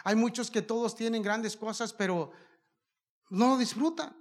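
A man's voice: extremely high pitch, a little slow. A man preaching a fervent sermon at a church service, asking the congregation question after question. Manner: fervent, asks the congregation many rhetorical questions.

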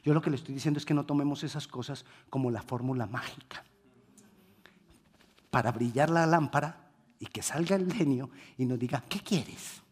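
A male preacher delivering a sermon, swinging between quiet reflection and loud emphasis. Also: mid-range voice, moderate pace, breathy edge.

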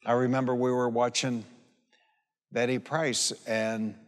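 Speaking a little slowly in a mid-range voice with little pitch movement, a sixty-seven-year-old pastor gives a sermon to his congregation in a large hall or church. His style is folksy and emphatic, with repeated phrases, personal stories and calls for amen. The live sermon is heard through long hall reverb.

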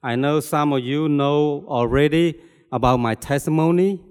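An older man whose first language is Khmer, a lay preacher with a Cambodian accent, shares his personal testimony as a sermon in a plain, earnest, halting way, repeating himself while he searches for words. His fairly high voice is smooth, resonant, and a little mellow, and a long reverb trails off through the church hall.

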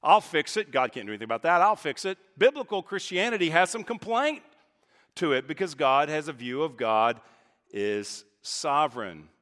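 A man from Texas preaching a sermon as pastor, talking with emphatic swings from loud, high points to quiet, low asides. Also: very animated, moderate pace. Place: church sanctuary. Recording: reverberant church hall.

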